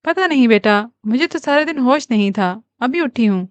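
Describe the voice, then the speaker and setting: A woman reading the part of a frail, drowsy old mother who speaks haltingly and weakly. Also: a little high, animated, clean tone, dry recording, dull audio, close to an everyday voice. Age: older. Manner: halting, weak.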